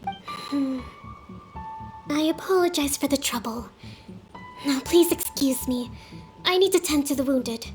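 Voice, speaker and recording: A woman voicing a serene young shrine maiden who leads with care, soft and polite, in a video game. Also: sits high, unhurried, long pauses, soft background music. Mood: serene, gentle.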